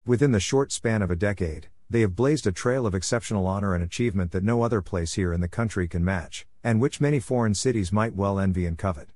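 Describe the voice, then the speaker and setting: Low, dry-voiced man reading an editorial. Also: darkish tone, no room sound. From Philippines. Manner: measured, formal reading. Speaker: opinion column reader. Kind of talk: scripted narration of an editorial.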